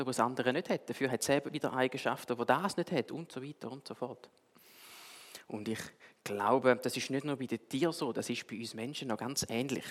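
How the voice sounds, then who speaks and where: A man preaching, telling a story in a lively, animated way. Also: medium pitch, long reverb tail. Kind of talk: sermon with a told story.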